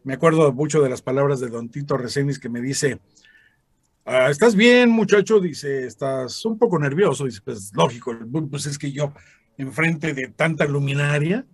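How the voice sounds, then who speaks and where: A man's voice: mid-range voice, normal speed, slightly rough, dry recording, clean studio sound. A man with a Mexican Spanish accent, a former radio announcer and voice actor, telling stories in a casual interview and acting out the voices he quotes. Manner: animated, acts out quoted voices.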